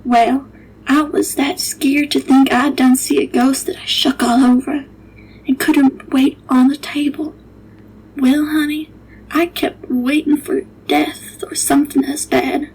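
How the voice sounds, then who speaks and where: A gentle old nursemaid telling a hushed ghost tale at bedtime, as a woman plays her. The voice is high and soft, and it keeps dropping into a breathy whisper. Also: flat delivery, a little slow, slight background noise, low-quality recording. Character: older woman servant, gentle storyteller nurse.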